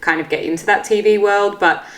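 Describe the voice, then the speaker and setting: A woman's voice: mid-range voice, a little fast, a bit bright. A young woman chatting casually in a day-in-the-life vlog, with hiccups now and then. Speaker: vlogger and interior designer.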